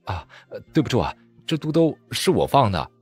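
A man voicing a playful young man of about twenty who speaks sheepishly and haltingly. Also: on the low side, sing-song, a little mellow, breathy edge, faint music behind. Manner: sheepish, hesitant.

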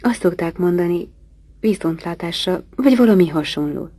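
A woman reading a novel aloud as an audiobook, in a measured, quiet and plain manner. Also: low voice, fairly even intonation, husky, no echo. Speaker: audiobook reader.

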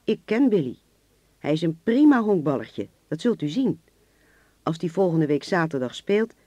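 A man's voice: a little high, sing-song, normal speed, warm tone, no echo. An actor playing a polite hitman with a cold, threatening edge in a radio play. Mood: pleading. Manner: polite on the surface, coldly threatening. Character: soft-spoken menacing hitman posing as a father.

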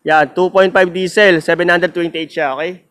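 A man's voice: sits high, fairly even intonation, moderate pace, fairly bright tone. A man with a Filipino accent vlogging a casual walk-through of a used car lot, joking and chatty, with a sore throat. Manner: joking, chatty, laughs often.

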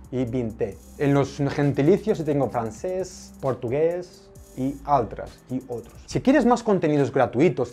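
An online Spanish teacher, explaining a language lesson in a methodical way, pausing often with hesitant fillers. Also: medium pitch, dark tone.

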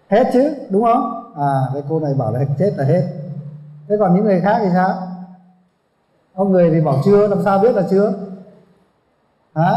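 A man's voice: high-pitched, dark tone. A man giving a Buddhist dharma talk to a seated audience, prodding them with questions and asking for a show of hands. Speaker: Buddhist monk teacher. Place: hall with audience. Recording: echoey hall, dull lo-fi sound.

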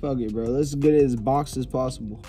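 Young man, stoned, stoner manner, hazy rambling delivery, slangy casual vlog chat, medium pitch. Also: steady tone, fairly quick, warm tone, soft background music. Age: young adult. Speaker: vlogger. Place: small enclosed pillow fort indoors.

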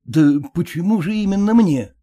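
Guy doing a flustered gent, lively up and down voice, mellow, audiobook. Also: high-pitched, normal speed, pitched above the performer's own voice. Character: flustered young gentleman, timid then cheerful.

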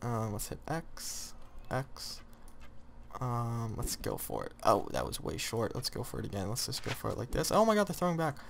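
A man's voice: mid-range voice, moderate pace, gravelly, a little hiss or hum. Rambling teenage boy playing a game. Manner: rambling, self-correcting, excitable. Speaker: gamer. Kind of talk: let's play commentary.

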